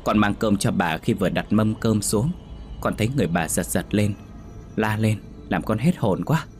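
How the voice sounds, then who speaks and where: A man's voice: lowish voice, moderate pace, darkish tone, soft background music, natural voice. A man voicing a humble young servant girl in a ghost story. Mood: worried.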